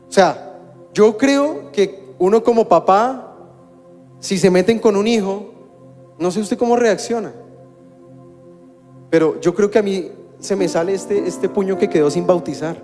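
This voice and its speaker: High-voiced pastor preaching in a reverberant hall. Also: male voice, a little slow, pauses often, darkish tone. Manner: conversational preaching with wry humor. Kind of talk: sermon. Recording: long church-hall reverb with faint music.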